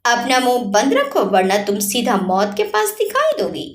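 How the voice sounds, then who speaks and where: A woman's voice: fairly high pitch, huge pitch swings, normal speed, reverberant. Woman voicing a curt irritated young man. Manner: curt, snapping.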